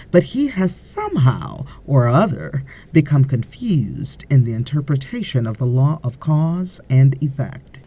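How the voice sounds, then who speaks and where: A woman with a very deep, warm, husky voice reads a spiritual audiobook from a script. Her narration is measured and deliberate, with frequent pauses.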